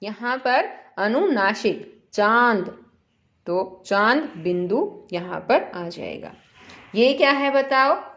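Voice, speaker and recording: Slow, patient woman teaching children. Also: a little high, animated, a bit bright, dull audio. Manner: patient, explains slowly with repeated examples and questions to pupils. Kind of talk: school lesson for children.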